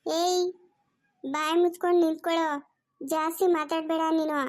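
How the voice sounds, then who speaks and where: Fearless cartoon heroine, indignant and commanding, voiced by a woman, very high voice. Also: little pitch movement, normal speed, a little mellow. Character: bold young woman heroine, fearless, scolding. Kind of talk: cartoon voice acting.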